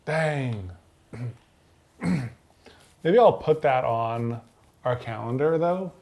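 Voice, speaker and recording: A man co-hosting a casual livestream chat, rambling with fillers and often clearing his throat. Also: mid-range voice, lively intonation, extremely slow, darkish tone. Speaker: co-host.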